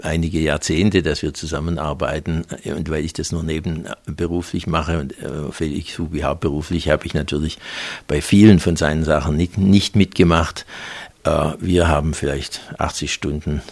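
A man's voice: a bass voice, steady tone, moderate pace, gravelly, darkish tone. An older man, an author, reading from his own crime novel and then answering interview questions with many hesitations. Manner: hesitant with many fillers when speaking freely. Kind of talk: reading aloud and interview talk.

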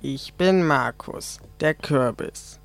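A man playing a slow gravelly talking pumpkin. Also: fairly high pitch, no echo. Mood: friendly. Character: friendly talking male pumpkin. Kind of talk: amateur radio play.

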